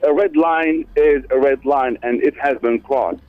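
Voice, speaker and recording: A man phones in to a talk radio show, pushing his view forcefully while stumbling over fillers. His voice comes through a tinny, phone-like line. The sound is dry and close. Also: mid-range voice, dry recording. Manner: forceful, halting, full of fillers. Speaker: caller.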